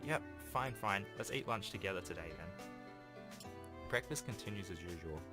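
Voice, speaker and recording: Game music runs behind a man whose voice sits low, with lively intonation and a moderate pace. Hosting a gaming video, he casually reads a visual novel aloud and makes informal, offhand asides between read passages.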